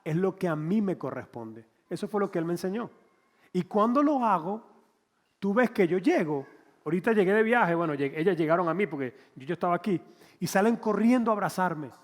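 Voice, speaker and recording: A pastor preaching in a lively, conversational way, slipping into acted-out dialogue. His voice sits slightly high for a man. It rings with the long reverb of a church hall. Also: a little fast. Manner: animated, conversational, acts out quotes. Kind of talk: sermon.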